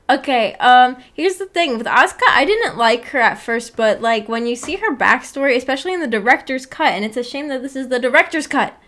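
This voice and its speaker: A woman with a fairly high, animated voice hosts a livestream, chatting casually with viewers about anime. Giggly and playfully teasing, she's quick to soften things with an apology. Her talk rambles and halts, full of "like" as she thinks aloud.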